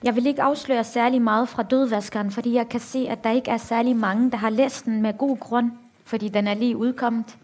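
A woman author reading a passage from her book aloud in a steady, grave manner. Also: a little high.

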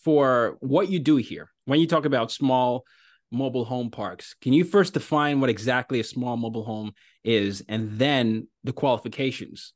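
A man from Nigeria hosting an interview podcast, talking in an animated, conversational way. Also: medium pitch, normal speed, dry recording, clean studio sound. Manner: animated, conversational, with frequent fillers. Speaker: podcast host.

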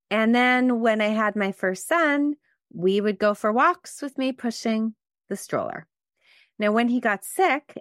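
A middle-aged woman talks through her solo podcast in a warm, chatty and reflective way. Her voice sits a little low for a woman. The sound is close and dry, with no room around it. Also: dry recording. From Montreal, Canada. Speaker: podcast host. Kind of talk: casual solo podcast talk.

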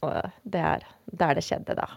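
A woman's voice: low voice, vocal fry, no room sound. A woman guest telling a personal story in a casual interview, acting out what people said, with fillers along the way. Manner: animated storyteller acting out quotes; frequent fillers and laughter.

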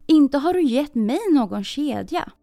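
A woman's voice: high-pitched, animated, creaky, dry recording, clean studio sound, faint music behind, pitched above the performer's own voice. A woman voicing a proud, harsh false bride in a storybook reading, speaking sharply. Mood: defensive. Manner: sharp, scolding.

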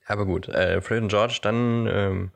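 Male podcast co-host, low register with some fry, casual and animated storyteller. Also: unhurried. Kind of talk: casual podcast chat about books and films.

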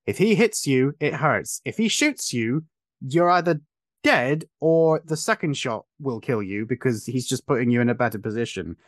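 A man's voice: mid-range voice, lively intonation, moderate pace, dry recording, clean studio sound. A man hosting a podcast, giving long, emphatic, opinionated explanations in casual chat. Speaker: podcast host.

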